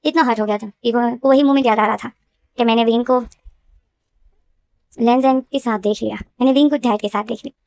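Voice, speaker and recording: A woman's voice: fairly high pitch, steady tone, fairly quick, vocal fry, long pauses, darkish tone. A woman retelling a story casually, with a repetitive and emphatic manner. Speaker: story explainer.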